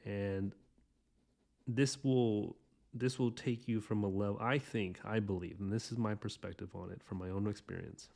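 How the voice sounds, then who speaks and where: A man's voice: on the low side, steady tone, moderate pace, creaky, a little mellow. A man in his thirties talking loosely through a drawing lesson as he sketches, rambling and chatty with many restarts. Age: 30s. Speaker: artist hosting a drawing podcast. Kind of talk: casual drawing tutorial while sketching.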